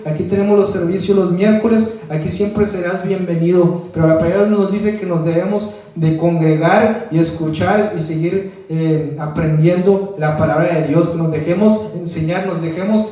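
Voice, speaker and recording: High-voiced preacher in an echoey church. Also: male voice, mellow. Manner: fills nearly every phrase with "hermanos" and "Señor". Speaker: preacher leading a Bible study. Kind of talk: evangelical sermon and prayer. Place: church hall. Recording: very echoey room, voice from far off.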